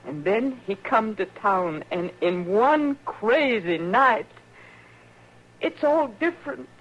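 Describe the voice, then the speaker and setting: This woman speaks slowly in a higher, animated voice as a bitter, mourning frontier mother in an old-time radio western. Anguished and pleading, she stays plain-spoken, folksy, and unyielding, with a rural Western American accent, all captured on a hissy, muffled old radio recording.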